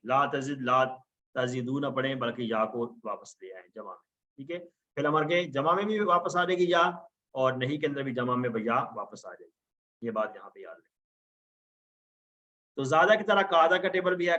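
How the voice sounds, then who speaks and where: A man teaching a recorded Arabic grammar lesson, chanting verb forms slowly and then explaining them. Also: medium pitch, pushed and bright, dull audio.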